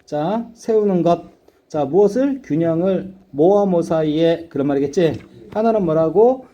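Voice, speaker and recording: Slightly high and expressive, the warm voice comes through with its highs cut off. A middle-aged man is teaching English reading in lecture form, bluntly and casually, and he quizzes students nonstop about whether they get it.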